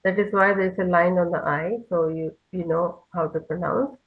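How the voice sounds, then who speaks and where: A woman teaching a children's lesson over a video call, slowly leading call-and-response recitation. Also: fairly low pitch, steady tone, husky, narrow, tinny audio. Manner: slow, patient call-and-response chanting.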